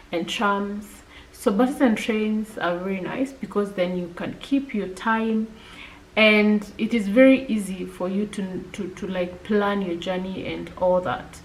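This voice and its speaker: A woman from Kenya with a Kenyan accent, chatting casually to camera as a vlogger, often pausing on fillers. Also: medium pitch, gravelly, slight background noise, low-quality recording. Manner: chatty, with frequent filler pauses.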